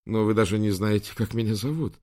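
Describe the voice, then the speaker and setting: A man's voice: on the low side, fast, a little mellow, lightly acted. A man reading the part of a young woman, a museum director, in an audiobook, sounding guarded and hesitant.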